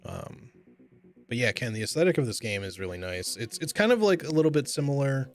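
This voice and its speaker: A man's voice: medium pitch, lively intonation, brisk, soft background music. A man giving casual, rambling, hedging commentary as he streams a video game.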